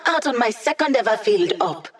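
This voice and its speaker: A woman's voice: a little high, expressive, moderate pace, lightly acted. Hack, cocky young hacker played by a woman. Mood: playful, cocky. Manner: casual, wry, self-assured, technical. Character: brisk, confident, playfully cocky young female hacker guiding a squad. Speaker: mission support operator in a video game. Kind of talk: scripted video game voice acting.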